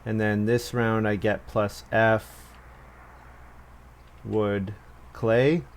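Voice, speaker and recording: A man's voice: on the low side, little pitch movement, drawn-out words. A man thinking aloud as he plays a board game, casual and self-mocking. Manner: thinking aloud, self-mocking, chuckles at his own moves. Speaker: board game player narrating his turns. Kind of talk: casual play commentary.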